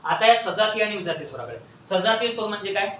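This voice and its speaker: Fast-talking male teacher, echoey classroom. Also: high-pitched, expressive, a bit bright, distant mic, slight background noise. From Maharashtra, India. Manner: repetitive questioning, prompts students to answer back. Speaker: Marathi grammar teacher. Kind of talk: classroom lecture with call-and-response.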